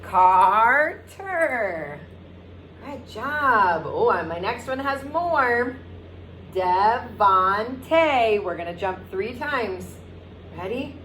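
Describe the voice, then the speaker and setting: A woman teaching young children in a virtual circle time lesson, speaking in a slow, clearly enunciated, encouraging sing-song way. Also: on the high side, lively intonation, fairly bright tone, a little hiss or hum. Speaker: preschool teacher.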